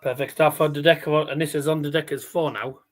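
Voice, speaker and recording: A man's voice: fairly high pitch, fairly even intonation, quick pace. A man giving casual live darts commentary as a stream host, chatty and rambling, with scores called out like a darts caller.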